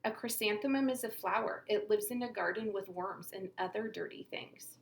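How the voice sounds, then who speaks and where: A woman's voice: mid-range voice, moderate pace, vocal fry, echoey room, close to an everyday voice. A woman reading aloud as a smug know-it-all schoolgirl who teases a classmate, in a snide, superior manner.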